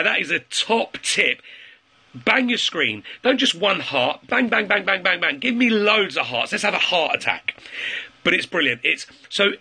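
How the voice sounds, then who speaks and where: Chatty husky man, bright voice. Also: high-pitched. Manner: chatty, greets viewers, repeats key phrases. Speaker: network marketing livestreamer. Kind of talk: casual livestream tips.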